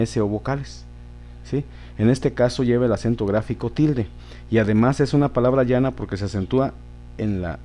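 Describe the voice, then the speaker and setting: Man, teacher, grammar lesson, patient, repetitive, warm mellow voice, mid pitch. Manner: patient, repeats words and checks with "¿sí?".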